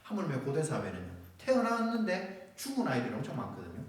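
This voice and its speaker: A middle-aged man preaching a sermon as pastor, telling stories in an animated way and acting out scenes with chuckles. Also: a little high, quick pace. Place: church sanctuary. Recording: echoey church hall, voice from far off.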